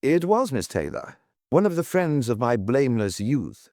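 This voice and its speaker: A man's voice: medium pitch, very animated, moderate pace, darkish tone, dry recording, pitched above the performer's own voice. A man voicing a breezy, wry young adventurer working as a tour guide, with a dry, teasing manner.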